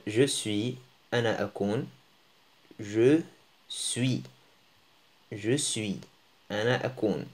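A man teaching a language lesson, patiently repeating words and often restarting his sentences. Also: medium pitch. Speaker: French teacher. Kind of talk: language lesson for Arabic speakers.

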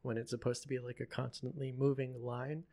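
A man's voice: medium pitch, flat delivery, a little fast, warm tone. A man co-hosting a podcast in casual chat, telling stories loosely with lots of fillers. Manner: loose, filler-heavy storytelling. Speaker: podcast co-host.

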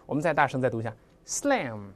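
A vocabulary teacher giving a recorded lesson, spelling out and slowly repeating English words and imitating clattering and clanging sounds aloud. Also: medium pitch. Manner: mimics sounds with lively onomatopoeia.

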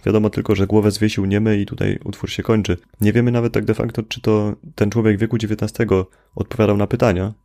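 A man's voice: on the low side, creaky, dark tone. A young man casually explaining a poem in an informal literature lesson, hesitating often as he talks. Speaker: poetry explainer.

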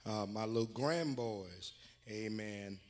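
A man's voice: fairly low pitch, slow pace, a little mellow. An older man preaching a sermon as bishop in a church, folksy and full of amens, building to emphatic exhortation. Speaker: bishop and pastor. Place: church sanctuary.

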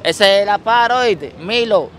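A man's voice: high voice, animated, unhurried, fairly bright tone. A man with a Dominican accent, interviewing someone on the street in a playful, teasing way.

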